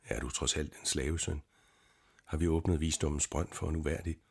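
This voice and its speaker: In an audiobook, an elderly temple priest, read out by a man scolds and pleads in a voice pitched extremely low. His tone is husky and worn, and his outbursts rise in accusation. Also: fairly even intonation, a little mellow, full character voice. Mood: angry. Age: older. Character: old male Egyptian priest, proud and fiercely angry. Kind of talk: audiobook reading.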